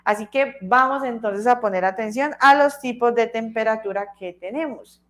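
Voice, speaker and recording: A woman, teaching an online English class, speaking slowly and carefully and repeating words so students can hear how they are pronounced. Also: fairly high pitch. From Colombia. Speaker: English tutor.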